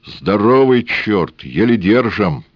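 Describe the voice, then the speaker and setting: A man voicing a burly, rough watchman with a hoarse, wheezing voice who barks gruff orders. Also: on the low side, very animated, slow pace, no echo, highs cut off, voice pushed up, full character voice. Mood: straining.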